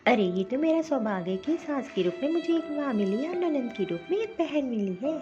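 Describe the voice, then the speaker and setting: A woman's voice: high-pitched, very animated, a little fast, mellow, muffled recording, soft background music. A woman voicing a cheerful young newlywed bride who speaks earnestly about her new in-laws. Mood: fervent. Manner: earnest, emphatic.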